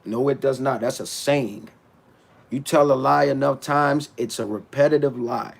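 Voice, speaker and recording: Here a battle rapper streams a casual rant, answering his chat bluntly and animatedly and restarting his words along the way. The voice is a man's, mid-range and creaky, with a steady tone at normal speed.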